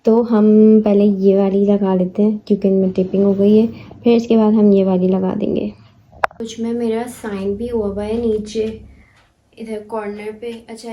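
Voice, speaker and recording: A woman's voice: medium pitch, muffled recording, a little hiss or hum. A young woman chatting casually to her viewers in a vlog, often slipping English words into her talk. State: tired and out of breath. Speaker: vlogger.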